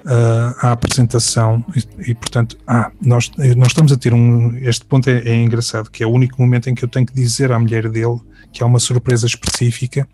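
A man's voice: mid-range voice, level tone, brisk, few pauses, warm tone. A man, casually telling a long personal story with many fillers and restarts, acting out the voices of other people.

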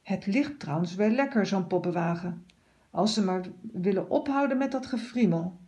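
A woman's voice: mid-range voice, expressive, normal speed, warm tone, close to an everyday voice. A woman voicing an easygoing, greedy male house cat in a storybook, with a lazy, self-satisfied manner.

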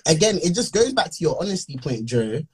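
A man's voice: fairly high pitch, sing-song, a little fast, a little mellow, breathy edge. A young man with a London roadman accent and urban slang, bantering casually, repeating phrases and ending on tag questions.

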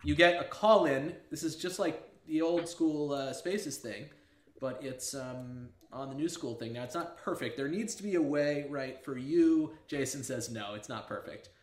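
Man, podcast host, casual chat, excitable, rambling, slightly high voice, roomy echo, loud background hiss. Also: measured pace. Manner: excitable, rambling, jumps between thoughts. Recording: echoey room with loud background noise.

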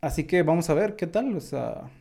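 A man's voice: a little high, expressive, normal speed, vocal fry, mellow. A man with a Mexican accent, chatting casually through tech news and drifting into asides. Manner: chatty, digressive, many fillers like "o sea".

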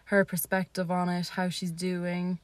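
A woman's voice: lowish voice, monotone, unhurried, no echo. A young college-age woman with an Irish accent, co-hosting a podcast in casual chat. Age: young adult, college student. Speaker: podcast co-host. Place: outdoors on a walk in woods.

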